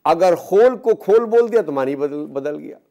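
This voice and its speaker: Measured lecturer, a man. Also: a little high, animated, mellow. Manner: measured, explanatory, with repeated examples. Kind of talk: educational lecture.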